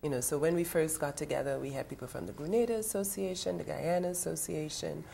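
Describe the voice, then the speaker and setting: A woman from Trinidad and Tobago, a guest in a TV studio interview, animated and laughing often as she asks rhetorical questions. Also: low-pitched, quick pace, gravelly, a little hiss or hum. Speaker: guest, event coordinator.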